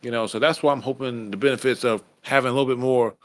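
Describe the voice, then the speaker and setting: A male podcast co-host talking in a loose, rambling way, often restarting his sentences and dropping casual swears. His voice sits at a middle pitch. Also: steady tone, fast.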